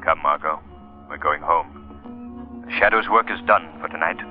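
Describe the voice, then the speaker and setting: An actor playing a mysterious, commanding crime-fighter in old radio drama style, slow, deliberate and theatrical. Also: male voice, rumbling low. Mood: calm reassurance. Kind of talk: 1930s-40s radio drama acting. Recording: muffled old radio broadcast with music.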